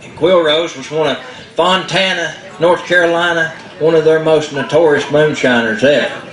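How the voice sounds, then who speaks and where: A man with a Southern Appalachian accent telling folk tales in a casual, unscripted, folksy way with dramatic pauses. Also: on the high side, steady tone, a bit bright. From southern Appalachia, United States. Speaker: storyteller. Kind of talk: casual oral folk storytelling. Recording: echoey room with background noise.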